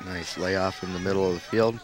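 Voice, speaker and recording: A middle-aged man with a squeaky voice giving terse, matter-of-fact live soccer commentary outdoors. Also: steady tone, a little fast, a crowd in the background. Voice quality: squeaky voice with throat-clearing. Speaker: soccer play-by-play announcer. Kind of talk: live local sports commentary. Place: outdoors at an evening soccer field. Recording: noisy outdoor field recording.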